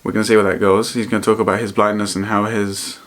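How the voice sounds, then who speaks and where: Guy with a lowish voice doing a personal vlog, earnest, kinda halting, repeats himself. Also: flat delivery. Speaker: vlogger. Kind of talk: personal vlog to camera, reflective talk.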